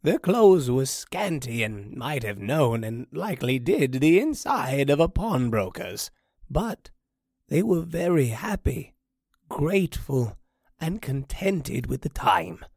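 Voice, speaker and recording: An actor playing an elderly male storyteller reading a story to a child, gentle and expressive. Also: mid-range voice, creaky, husky, dry recording, studio quality, exaggerated voice.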